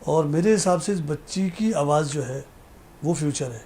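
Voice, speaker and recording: A man's voice: fairly high pitch, dark tone, a little hiss or hum. A man on a TV panel judging young reciters, speaking reflectively and critically. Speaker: naat competition judge.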